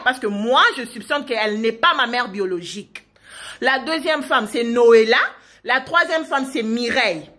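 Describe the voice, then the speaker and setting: A young woman in her twenties speaks in a notably high voice, pleading insistently with her listeners. She piles up rhetorical questions, repeats herself and trips over restarts as she presses her case. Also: a bit bright. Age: 20s. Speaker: provincial deputy denouncing her parents. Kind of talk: impassioned public appeal.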